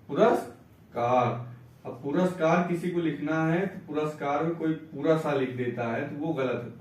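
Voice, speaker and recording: A man teaching Hindi spelling, explaining patiently and repeating each word slowly, asking and answering his own questions. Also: a little high, a little mellow, recorded from a distance. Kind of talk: spelling and reading lesson. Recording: echoey room, voice away from mic.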